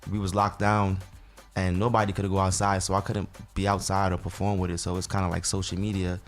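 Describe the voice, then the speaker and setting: Over soft background music, a man with a low voice speaks fairly quickly and completely flat. He is a soca artist from Barbados, blending Barbadian and American accents as he gives loose, laid-back interview replies crowded with fillers.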